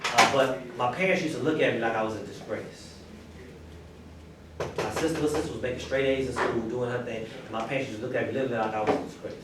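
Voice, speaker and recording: A man's voice: medium pitch, fairly even intonation, quick pace. Echoey Southern man teaching informally. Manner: conversational storytelling, checks in with listeners. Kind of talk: informal classroom talk. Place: indoor classroom. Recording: very echoey, distant, noisy room.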